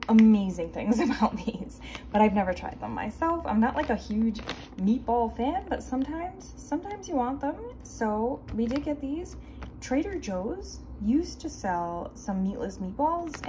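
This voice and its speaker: A young woman chatting casually as she shows her groceries to a phone camera, rambling with lots of fillers and asides. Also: mid-range voice. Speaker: vegan grocery haul vlogger. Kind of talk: casual chat. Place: indoors at home. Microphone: handheld phone filming products. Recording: noticeable background noise.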